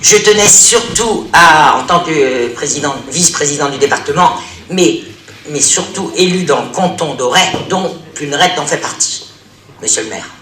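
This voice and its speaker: A man, a local elected official, giving a formal, praising speech at a public event, halting and restarting as he speaks. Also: fairly high pitch, animated, pushed and bright, far from the mic. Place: large hall with an audience. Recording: echoey hall recorded from afar.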